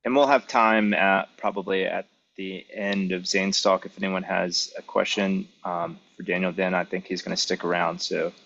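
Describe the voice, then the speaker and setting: Gravelly low-voiced man on a video call. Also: fairly even intonation, fairly bright tone. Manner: unhurried, with many fillers. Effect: video call audio. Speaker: seminar moderator. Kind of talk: introducing speakers in an online seminar. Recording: dull lo-fi video call audio.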